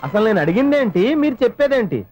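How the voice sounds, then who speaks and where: A man's voice: very high-pitched, sing-song, very fast, a little mellow. An actor playing an exasperated male resident complaining in a film comedy scene.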